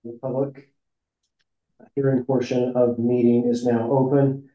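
Speaking at medium pitch in a level tone, a district counsel runs a formal, procedural board meeting from a remote call line. He is measured and often says "uh" and "um," while the audio comes through muffled, echoey and breaking up.

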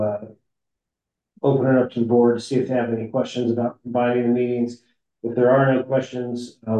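A man serving as district counsel, chairing a formal board meeting in a measured way with frequent fillers, his voice heard over a remote call line that breaks up. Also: mid-range voice, warm tone. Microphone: remote call audio. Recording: muffled echoey call audio.

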